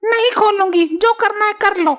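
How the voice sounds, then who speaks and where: A woman voicing a bossy, scheming cartoon mother with a shrill, scolding voice. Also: fairly even intonation, normal speed. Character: bossy scheming mother, sharp-tongued and domineering. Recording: cartoon dialogue over loud background music.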